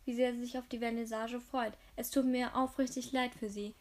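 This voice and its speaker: A woman's voice: a little high, little pitch movement, moderate pace, close to an everyday voice. A woman reading the lines of a kindly, sympathetic servant woman in a household kitchen.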